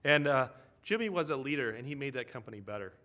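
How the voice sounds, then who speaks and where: Man of medium pitch preaching casually, telling stories and checking in with the congregation. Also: lively intonation, fast talker, sharp tone. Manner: storytelling, with tag questions to the congregation. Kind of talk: conversational sermon.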